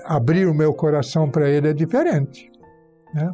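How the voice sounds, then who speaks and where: Casting note: male grammar teacher, high and mellow voice, methodical, works through example sentences. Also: moderate pace, soft background music. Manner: teacherly, illustrating points with spoken example sentences. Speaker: Portuguese teacher guest. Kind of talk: explaining grammar on a church talk program.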